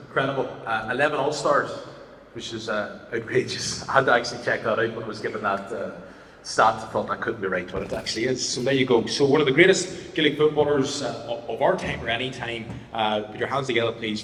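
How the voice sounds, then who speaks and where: A man's voice: medium pitch, fairly quick, a bit bright. A man giving an informal introduction of a speaker as an event host. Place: indoor hall at a conference. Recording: echoey noisy hall, audience sounds.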